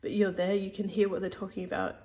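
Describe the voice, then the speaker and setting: A woman's voice: mid-range voice, little pitch movement, fast, dark tone. A woman giving a casual spoken religious teaching, hesitant, with many fillers and restarts.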